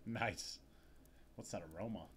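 This let's player has a lowish voice and a measured pace, reading game text aloud during a foul-mouthed, sardonic, casual playthrough. Video game music plays behind him, along with some background noise.

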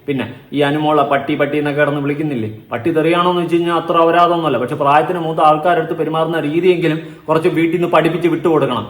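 A young man hosts a reaction vlog as a show commentator, his voice on the high side and fairly bright. He comments in a mocking, sarcastic, lecturing way from an echoey room.

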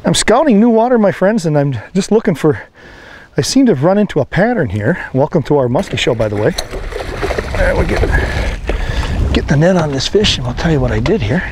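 A middle-aged man hosting a fishing show, talking outdoors on a lake boat with a lapel mic, excited as he coaxes and lands a fish. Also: fairly high pitch, fairly quick, very noisy. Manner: excited, coaxing the fish while landing it.

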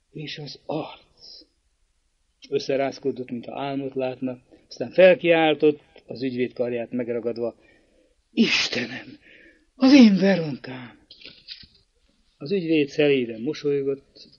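A man narrating a classic novel as an audiobook in an expressive, dramatic reading style. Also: medium pitch, no echo, muffled recording.

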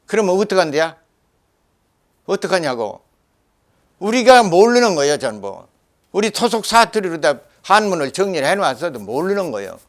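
Animated older man with a dialect twang. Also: high voice, moderate pace. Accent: Jeolla dialect. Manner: forceful, scolding, rambling with dialect words. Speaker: lecturer. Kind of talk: animated lecture.

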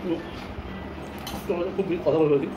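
A man's voice: a little high, fairly even intonation, rapid-fire, distant mic, highs cut off, background noise. Man talking with mouth full of noodles. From Bengal. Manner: chatty, mumbling between bites with hums. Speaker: food vlogger. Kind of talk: casual eating-show chat. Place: home, indoors. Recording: echoey room with loud music behind.

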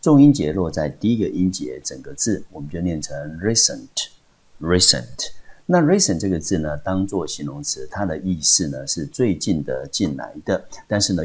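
A man's voice: very deep voice, a little mellow, husky. A man from Taiwan, an English teacher, giving a patient step-by-step vocabulary lesson and asking himself questions as he explains.

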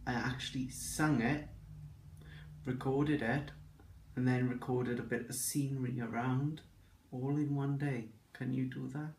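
A young adult man vlogs casually from a small, echoey room at home, sarcastically reading out comments and firing back dry comebacks, with the camera mic a little away. His mid-range voice is steady, unhurried and darkish, with a little hiss or hum.

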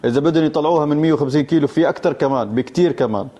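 A man's voice: fairly high pitch, rapid-fire, mellow, dull audio. A man, lecturing viewers in a scornful way.

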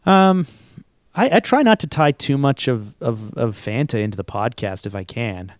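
A man's voice: medium pitch, lively intonation, normal speed, no room sound, clean studio sound. A man who owns an agency and hosts a podcast, answering in a casual, rambling way with frequent restarts and easy laughs. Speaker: agency owner and podcast host. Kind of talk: casual conversational interview answers.

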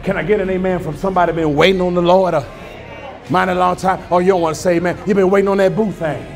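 A male pastor preaching a sermon with call-and-response, swinging from shouts to hushed lines. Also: high-pitched, steady tone, fast, gravelly, faint music behind. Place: church sanctuary.

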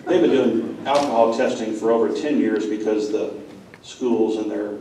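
A middle-aged school president gives a plainspoken conference talk to a seated audience, telling stories with asides to his listeners. His voice is lowish, mellow and fairly even in intonation, at normal speed. A far room mic picks him up from a distance in an echoey room, with a little hiss or hum.

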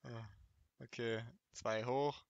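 Calm man giving short directions. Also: medium pitch, slow pace, creaky, dry recording, lo-fi sound. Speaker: co-op game partner. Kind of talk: casual gameplay chat.

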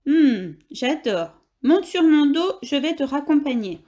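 Woman reader doing a teasing, good-natured storybook bison, gruff manner, pitched high. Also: sing-song, unhurried, mellow. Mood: amused. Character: big good-natured male bison, deep voice.

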